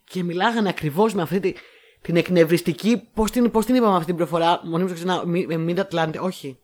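Woman co-host, casual chat, sarcastic and animated, mimics quotes. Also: fairly low pitch. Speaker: podcast co-host. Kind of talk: casual chat reviewing films.

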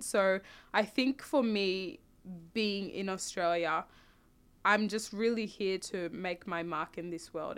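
A young woman from South Sudan, answering interview questions in a relaxed, reflective way, often restarting and adding "you know". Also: fairly low pitch, smooth. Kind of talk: casual conversational interview.

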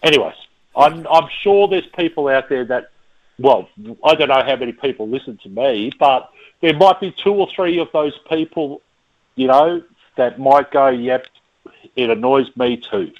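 A man's voice: a little high, sing-song, moderate pace, gravelly. An Australian man in casual ranting chat as a podcast panellist, with a blunt, exasperated, blokey way of talking. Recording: tinny phone-like line.

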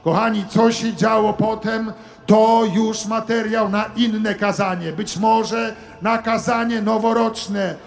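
A man delivering a satirical sermon monologue as a comic preacher, theatrical, moving from hushed asides to shouted preaching. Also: sits high, fairly even intonation, slow pace, gravelly, echoey room, big-room sound, faint music behind.

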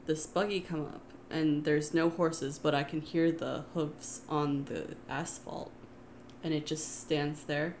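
A woman co-hosting a podcast, chatting casually and telling a personal story with wry, quick asides. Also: low-pitched, slight background noise. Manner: relaxed and wry, quick asides, laughs often. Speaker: podcast co-host.

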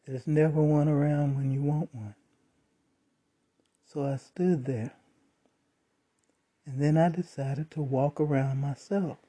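A storyteller calmly recounting a first-person eerie encounter with measured pauses. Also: medium pitch, husky. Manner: slow, measured retelling with dramatic pauses.

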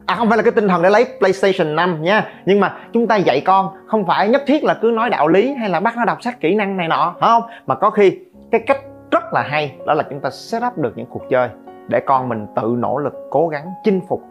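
A middle-aged man hosts a podcast about parenting and makes lively, joking asides to listeners. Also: sits high, a little fast. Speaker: podcast host. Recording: slightly dull, faint guitar music.

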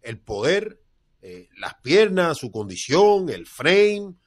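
Male co-host, fairly high voice, insistent, loops phrases in debate. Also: big pitch swings, slow pace. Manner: insistent, repeats phrases over and over. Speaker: boxing show co-host. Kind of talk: heated debate.

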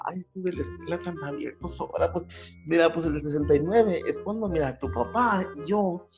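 A flustered, stammering mother searching for words, as a man puts her on. The voice sits higher and softer than his own. Dull lo-fi audio with faint music. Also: moderate pace, creaky. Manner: stammering, hesitant, soft. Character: flustered embarrassed mother, middle-aged woman.

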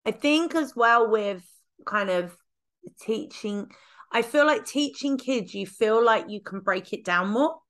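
Woman dog-trainer host, slightly high pitch; chatty, self-deprecating. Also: animated, unhurried, fairly bright tone. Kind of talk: casual conversational chat.

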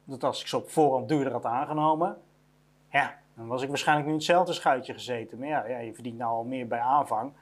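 A speaker delivers a motivational monologue with a blunt, no-nonsense edge. The same short phrases come back again and again, stacked up to drive each point home. The voice sits at a middle pitch and talks as a business owner addressing employees. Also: a little fast. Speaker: business owner giving career advice.

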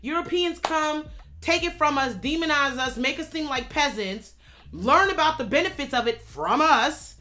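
American woman, thirties, blunt, emphatic casual talker with a slightly high voice. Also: animated, moderate pace, bright, forceful tone. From United States. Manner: frank and emphatic, swears freely. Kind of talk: casual conversation.

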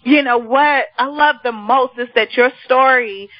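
A woman's voice: high-pitched, a little slow, no room sound. Dc accent lady hosting a live chat show, gushing and emphatic, dry close sound, bit lo-fi. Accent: Washington, D.C. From Washington, D.C. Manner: effusive, emphatic. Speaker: show host.

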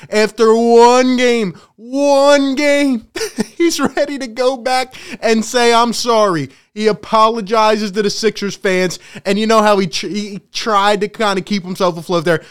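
A man in a casual sports rant, animated and gloating, often laughing. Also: sits high, clear, resonant tone. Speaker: sports vlogger.

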